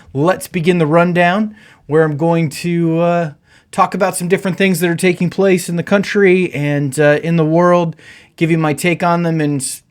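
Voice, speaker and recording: Casual pastor hosting a podcast. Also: male voice, a little high. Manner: many "uh" fillers, relaxed conversational delivery.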